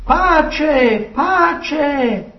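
A man's voice: high-pitched, slow, voice pushed up. A man voicing an eager young male messenger in a dramatic scripture reading. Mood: breathless. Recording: distant echoey dull recording.

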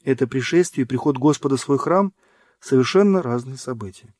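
A man narrating a religious book in a measured, solemn reading. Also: medium pitch, lively intonation, darkish tone, no echo, studio quality. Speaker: audiobook narrator.

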